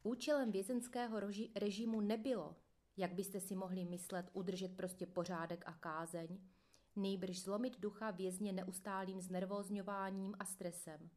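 Lady reading a memoir out loud, calm and steady, mid pitch. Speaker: narrator.

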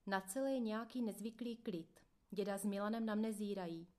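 A woman narrating a first-person memoir in a steady, earnest manner. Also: medium pitch. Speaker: audiobook narrator.

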